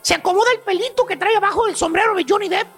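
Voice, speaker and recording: A man's voice: very high-pitched, racing, a bit bright, soft background music. A man telling a mocking comic story as a radio show host, full of slang.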